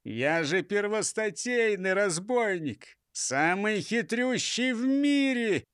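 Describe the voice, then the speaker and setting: A man's voice: high voice, expressive, moderate pace, a bit bright, smooth, no room sound, studio quality, voice pushed up. A man doing a bossy boastful robber chief. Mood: mocking. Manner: scolding, mocking. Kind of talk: audiobook character voice.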